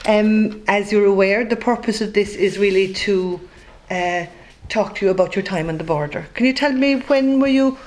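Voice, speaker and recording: A woman's voice: medium pitch, normal speed, a little mellow. A woman asking questions as the interviewer in an oral history interview. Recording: clear background noise, clicks.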